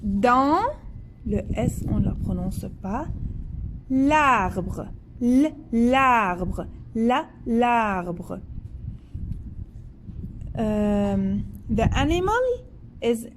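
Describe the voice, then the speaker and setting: A woman reads a children's story in French at a very slow, careful pace, stopping to spell letters and point out silent endings. Her voice sits a bit high and swings widely in pitch. Faint ambient noise sits behind her. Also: lively intonation. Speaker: teacher. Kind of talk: slow read-aloud French lesson for children, with English glosses.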